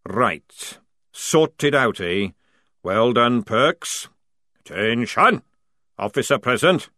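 A man reading an audiobook, voicing a gruff, bossy army sergeant who barks orders loudly. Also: mid-range voice, animated, slow pace, no room sound, clean studio sound, full character voice. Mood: commanding. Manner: barking, commanding.

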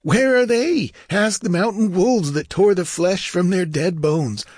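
A gloomy, frightened bandit, voiced by a man reading aloud in a storybook. The voice sits high above the narrator's own, strained and fearful. It has a husky, breathy edge, recorded close and dry. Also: measured pace, a little mellow, no echo. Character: frightened, superstitious male bandit.

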